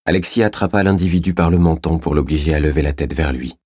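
A man reading a crime novel aloud as an audiobook narrator, in steady, measured scripted narration. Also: a bass voice, slightly rough, no echo, studio quality.

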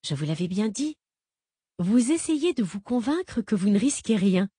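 A woman reading the part of a fugitive woman FBI agent, calm, patient and quietly menacing. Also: mid-range voice, a little slow, husky, dry recording, clean studio sound, pitched above the performer's own voice. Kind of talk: audiobook character reading.

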